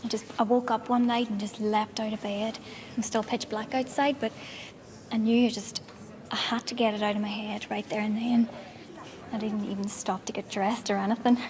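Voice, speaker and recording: A woman's voice: mid-range voice, level tone, moderate pace, a little mellow, in a large hall, close to an everyday voice. An actress playing a self-absorbed young woman artist who talks earnestly and theatrically about her work. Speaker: artist exhibiting paintings. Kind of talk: sitcom acting. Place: art gallery.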